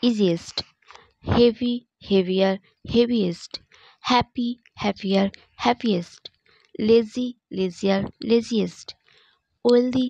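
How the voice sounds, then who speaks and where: A woman teaching English grammar, slowly reciting rules and word lists. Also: mid-range voice, vocal fry, darkish tone, no room sound, poor audio. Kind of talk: slow recited grammar lesson, English and Bengali.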